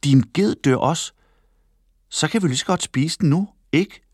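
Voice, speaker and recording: A man's voice: fairly high pitch, darkish tone, no echo, clean studio sound, pitched above the performer's own voice, natural voice. A man voicing a cocky, boastful young man in a children's storybook reading, raised and eager. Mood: scheming.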